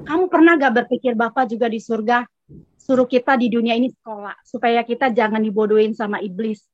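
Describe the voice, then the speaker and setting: A woman with a high voice tells a casual church testimony, chatty and acting out each side of a conversation. The sound is close and dry, a little dull and lo-fi. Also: brisk, no room sound. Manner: chatty, acts out both sides of a conversation. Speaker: congregation member giving testimony.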